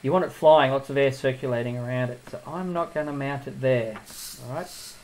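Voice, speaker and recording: A man's voice: medium pitch, brisk, darkish tone, low-quality recording. A man giving a casual hands-on tutorial as he builds a drone, thinking aloud and drifting into asides.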